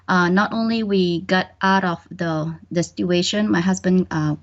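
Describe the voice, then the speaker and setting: Through dull lo-fi audio, a middle-aged woman with a fairly low, gravelly voice answers interview questions hesitantly, filling her speech with many ums. A bookkeeper appearing as a guest, she comes from Indonesia and grew up in Malaysia.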